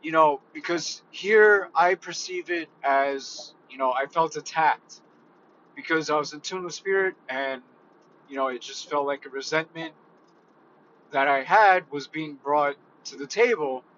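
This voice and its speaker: Hesitant man vlogger, slow and bright-toned, lo-fi recording. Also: a little high, a little hiss or hum. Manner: hesitant, halting, heavy on fillers. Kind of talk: casual reflective monologue.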